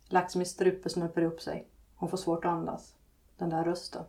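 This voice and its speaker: Low, gravelly-voiced hesitant woman. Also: monotone, darkish tone. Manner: hesitant, many fillers. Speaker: author and guest. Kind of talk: podcast interview answers.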